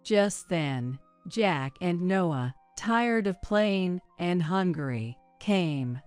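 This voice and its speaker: A woman narrating a story in a measured, even way. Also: fairly low pitch, clear, resonant tone, faint music behind.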